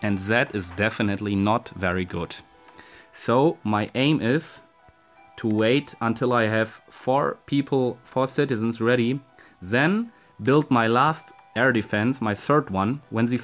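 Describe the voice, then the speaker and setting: Over soft background music, a young German-accented man unhurriedly commentates his strategy game at home, his medium-pitched voice fairly bright. He swears at his troops out of frustration and speaks to his viewers.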